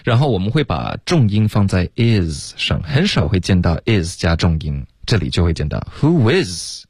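Male radio English teacher, deep and animated, slows down to drill words. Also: breathy edge, dry recording. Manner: explains pronunciation slowly, repeats English words.

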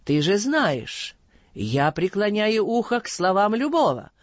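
A commanding older caliph, voiced by the audiobook reader, who interrogates with stern authority. The voice moves lively up and down as he presses his questions. The recording is dry and somewhat muffled. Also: medium pitch, unhurried, no echo. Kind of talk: audiobook reading.

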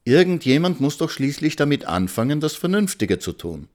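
A polite, earnest woman who urges others to do the sensible thing and persuades them calmly. A male narrator puts her on a few steps above his own low voice while reading a storybook. She sounds sincere rather than shrill. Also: normal speed.

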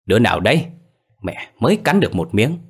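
A greedy, cowardly village boy whines and yelps, as a deep-voiced male narrator puts him on. The voice squeezes upward from a low base. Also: big pitch swings, a little fast, husky, heavily acted. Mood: grumpy. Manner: whiny, yelping when scared.

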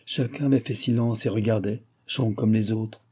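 Audiobook narrator, male, low and dark, a touch husky. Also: steady tone, normal speed. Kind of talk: novel reading.

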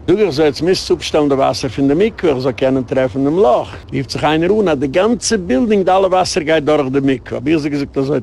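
A middle-aged man, a rabbi, holds forth in a storytelling lecture. His voice sits a little high and has a gravelly edge. He acts out both sides of old arguments and drops in English and Yiddish words. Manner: animated retelling of phone calls and arguments, slipping into English and Yiddish words.

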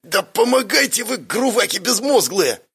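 A man voicing a sharp-tongued young woman sniper who talks in a mocking, sarcastic way. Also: medium pitch, sing-song, fairly quick, in a large hall. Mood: snarling.

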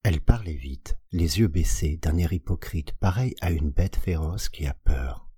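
Very deep, husky male audiobook narrator. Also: lively intonation, measured pace, mellow, no echo, studio quality. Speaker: audiobook reader. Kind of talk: scripted narration of a classic tale.

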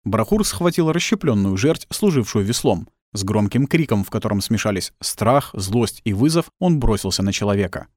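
A man narrating an audiobook in a tense, expressive storytelling manner. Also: fairly low pitch, normal speed, few pauses, no echo. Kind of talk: dramatic scripted narration. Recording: dry close studio sound.

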